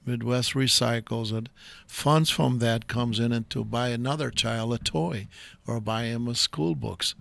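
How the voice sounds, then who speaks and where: A man's voice: mid-range voice, steady tone, a little slow, vocal fry, hardly any pauses, fairly bright tone, no echo. An older man hosting a live talk show, chatting in a rambling, enthusiastic and jokey way.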